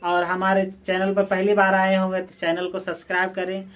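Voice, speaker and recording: A woman's voice: medium pitch, monotone, normal speed. A woman teaching chemistry, repeatedly asking questions and answering them herself. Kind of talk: classroom explanation. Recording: voice distant from the mic.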